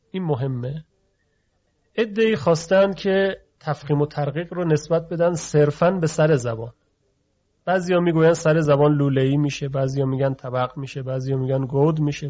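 In a dull, lo-fi classroom recording, a man with a fairly high, darkish voice teaches the phonetics of Quran recitation, covering how letters are pronounced. His lecture is explanatory; he draws out key terms for emphasis and asks rhetorical questions.

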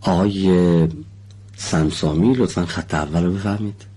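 A man with a very low, somewhat breathy voice teaches pronunciation in a studio. He spells out each sound slowly and deliberately and praises students politely. His delivery is patient and instructional. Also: dark tone. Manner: slow, deliberate, models sounds carefully; polite, encouraging toward students. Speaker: Quran recitation teacher. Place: recording studio.

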